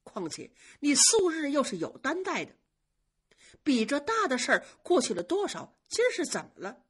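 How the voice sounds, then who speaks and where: A woman's voice: sits high, very animated, moderate pace, pitched above the performer's own voice. A woman storyteller voicing a senior maidservant who soothes and coaxes, holding her temper as a peacemaker. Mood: coaxing. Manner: coaxing, soothing, then reproachful. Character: senior maidservant, gentle but proud, peacemaker. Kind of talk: traditional storytelling.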